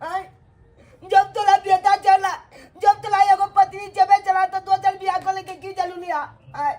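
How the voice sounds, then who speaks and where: Woman as a blunt Maithili family elder, scolding, very high voice. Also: little pitch movement, a little slow, mellow.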